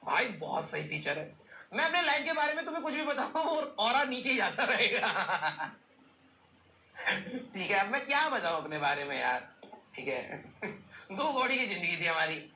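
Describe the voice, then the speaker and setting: A young man, a teacher telling his students a joking story from his school days in a lively, casual way. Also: high-pitched, normal speed. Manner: lively, joking, mixes English phrases. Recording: roomy echo, faint background noise.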